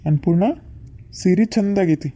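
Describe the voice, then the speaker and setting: A woman's voice: fairly low pitch, moderate pace, pitched below the performer's own voice, close to an everyday voice. Woman putting on a whispering leering man. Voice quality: hushed, breathy whisper. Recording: dull lo-fi, a bit distant.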